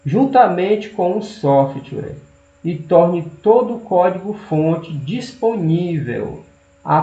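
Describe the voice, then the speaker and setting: A Brazilian man presenting a lesson, partly reading aloud, halting and pausing mid-sentence. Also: a little high, creaky, warm tone. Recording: roomy, dull audio with hum.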